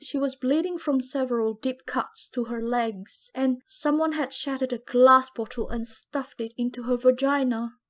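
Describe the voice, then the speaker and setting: Woman with a raised, higher voice narrating an audiobook. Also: normal speed, hardly any pauses. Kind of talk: first-person audiobook narration.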